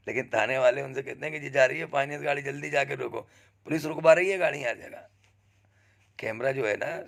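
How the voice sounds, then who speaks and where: A man giving an impassioned, preachy monologue, urging listeners to speak up and rising in pitch as he presses them. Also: gravelly. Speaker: social media speaker.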